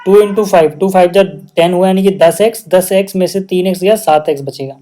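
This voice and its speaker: A mellow, high-sitting male voice with a Hindi accent moves at a brisk pace through a whiteboard maths lesson. His teaching is patient and step-by-step, sprinkled with English maths terms and regular questions to confirm students are keeping up.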